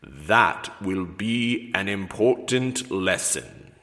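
The Hogfather, a grave, very slow booming figure, as a man reads him. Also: heavily acted. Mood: solemn, deadpan. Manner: slow, deliberate, deadpan. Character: Hogfather, solemn literal-minded gift-giving figure, slow and grave. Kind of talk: storybook read-aloud character voice. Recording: long booming reverb.

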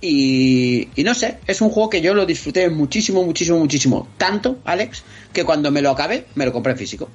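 On a casual podcast, a guest from Spain speaks a little high, a little fast, and huskily. He brings his stories to life by acting out scenes with colorful interjections. The recording sounds slightly dull and lo-fi, with music faintly in the background.

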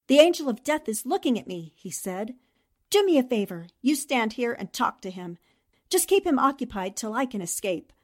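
A woman voices an amateur detective in a radio mystery, a sharp and collected newspaper columnist. Speaking at a fairly high pitch with big swings in tone, she takes a measured, storytelling approach.

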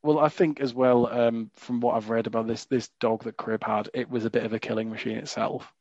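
A man's voice: medium pitch, little pitch movement, fairly quick, darkish tone, no room sound. A man hosting a podcast in casual, jokey chat, full of asides and fillers. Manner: chatty, jokey, frequent "you know" fillers. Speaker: podcast host. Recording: dull lo-fi dry recording.

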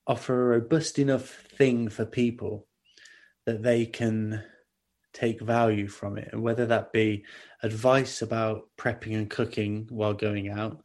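Rambling, animated man telling stories. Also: fairly low pitch. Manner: rambling, animated storytelling with many restarts. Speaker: guest, outdoor cooking video maker. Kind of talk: casual podcast interview.

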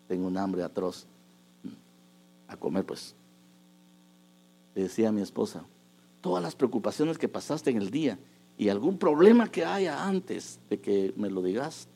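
A man preaching a sermon, moving between hushed asides and loud, emphatic bursts. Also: lowish voice.

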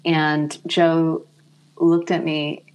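Middle-aged woman guest, deep-set low voice, gentle and reflective, emotion close to the surface. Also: little pitch movement, very slow, smooth. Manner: soft-spoken, reflective, emotional. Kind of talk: reflective interview conversation.

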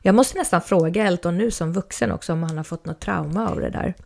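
A woman's voice: on the low side, a little mellow. A young adult woman chatting casually about her own experiences, rambling with fillers and restarts. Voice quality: creaky. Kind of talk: casual personal storytelling.

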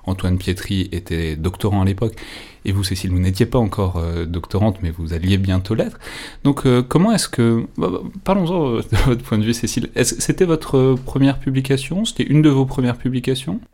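A man's voice: mid-range voice, lively intonation, fairly quick, dark tone. A man hosting a research podcast, introducing guests and asking questions with many fillers and restarts. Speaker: podcast host. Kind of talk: podcast interview.

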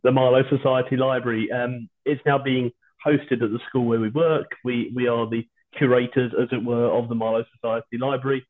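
A British man hosting a podcast in casual, rambling, hesitant chat with dry humour, recorded at home over a low-quality video call. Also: little pitch movement, fairly quick, few pauses. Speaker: podcast host. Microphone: video call without his usual microphone. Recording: low-quality online stream, phone-like sound.

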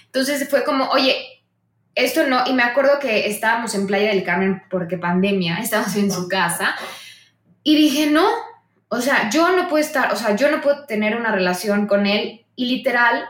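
A woman's voice: a little high, expressive, moderate pace, a bit bright, reverberant. A woman with a Mexican accent, a podcast guest telling stories in casual conversation and acting out her own dialogue.

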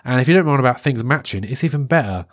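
This podcast host, a thirtysomething man with a congested, stuffy nose, rambles along fast and animated in a mid-range voice, restarting often and leaning on fillers. It's a dry, clean studio recording of his solo show.

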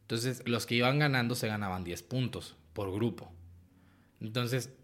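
This is a young guest writer and actor with a Mexican Spanish accent, sharing stories during a relaxed interview. His medium-pitched voice moves at a moderate pace, and he's animated and laughs often.

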